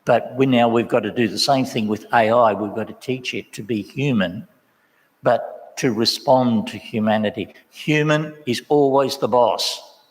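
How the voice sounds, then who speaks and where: A man's voice: mid-range voice, measured pace. A man speaking on a conference panel, emphatic and insistent as he makes his closing point. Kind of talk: panel discussion remarks. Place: large event hall. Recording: long hall reverb.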